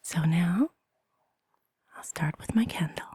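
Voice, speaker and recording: A woman whispering softly and gently through an ASMR session as its creator. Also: on the low side, breathy edge. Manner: soft whispering, slow and gentle.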